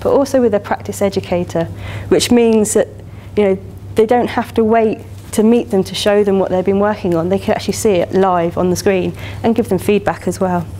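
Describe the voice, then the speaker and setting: A woman's voice: medium pitch, fairly even intonation, brisk, hardly any pauses, dark tone, a little hiss or hum. A woman in her thirties with an English accent, giving a conference keynote in a chatty, enthusiastic way with many "you know" fillers. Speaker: keynote speaker. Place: lecture hall, standing by a lectern.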